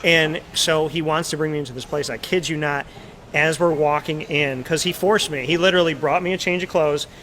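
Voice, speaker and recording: A man hosting a casual interview, chatty and telling stories with animated quoted asides. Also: a little high, a little fast, a little hiss or hum. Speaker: talk show host.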